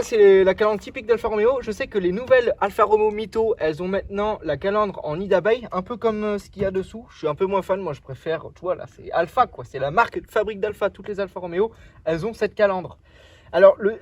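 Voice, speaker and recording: A man's voice: sits high, no echo. A young man casually showing off his car outdoors, joking and rambling with lots of fillers. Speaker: car vlogger.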